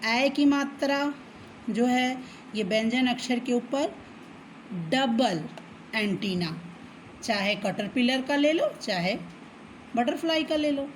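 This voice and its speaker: Patient lady teacher for kids, talks super slow, stretches words out, lil bit of hiss. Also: fairly high pitch, rough recording. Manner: slow, drawn-out syllables when reading words aloud; patient explaining, often checks with "theek hai". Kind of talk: children's Hindi alphabet lesson.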